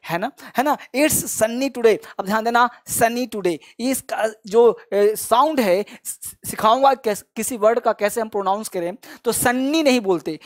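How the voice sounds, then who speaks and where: A man teaching a spoken English lesson, repeating example sentences slowly and adding encouraging, chatty asides to the learners. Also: sits high. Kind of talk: online language lesson.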